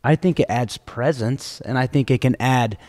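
A man's voice: mid-range voice, normal speed, darkish tone, big-room sound. A man hosting a casual podcast, joking and laughing often between reading listener questions. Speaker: podcast host.

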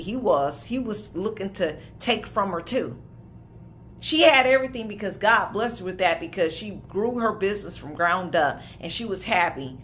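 Woman minister, thirties, emphatic prophetic preaching to camera, faint low rumble behind. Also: a bit bright. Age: 30s. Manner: emphatic preaching with casual asides.

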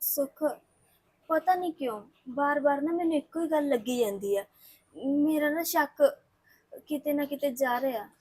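A woman's voice: sits high, normal speed, a little mellow, natural voice. An actress playing a worried young woman who pleads tearfully for justice. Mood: hushed. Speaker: distressed young wife seeking justice. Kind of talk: Punjabi web-series acting.

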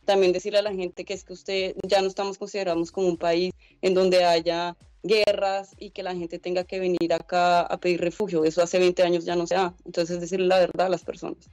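Speaking a little fast with few pauses, a young Colombian woman who heads a migrant organization answers interview questions from home via her laptop webcam. Her fairly low, slightly mellow voice shows little pitch movement as she explains earnestly, filling gaps with "eh" and "pues". The recording is dry, with faint music behind.

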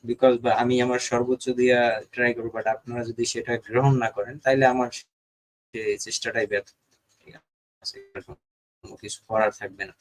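A mid-range, level, brisk male voice belongs to a young Bangladeshi man streaming live for a ghost-hunting channel. Speaking with a Bangladeshi Bengali accent, he reads comments and repetitively checks in with "ঠিক আছে?" over a rough recording.

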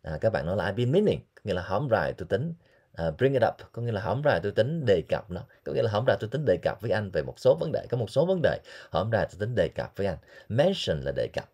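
A man, teaching English phrases and repeating examples slowly. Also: on the low side, sing-song, darkish tone, breathy edge. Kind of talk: explaining English phrases in Vietnamese.

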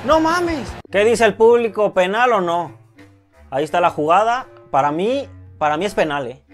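A young man with a Mexican accent commenting casually on his own football video game match, excitable, swearing and yelling when goals go in. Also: high voice, moderate pace. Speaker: gaming youtuber. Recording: loud music behind the voice.

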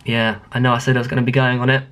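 A man's voice: medium pitch, little pitch movement, very fast, a bit bright. A young British man chatting casually to a vlog camera, his speech slightly impeded by dental retainers. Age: young adult. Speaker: vlogger. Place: small bedroom. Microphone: handheld camera at arm's length.

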